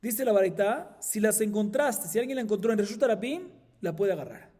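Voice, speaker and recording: A middle-aged Colombian rabbi with a high, animated, dark-toned voice teaches a Talmud class one step at a time. He checks in with listeners often, asking "¿sí?" again and again, and chants the Aramaic quickly.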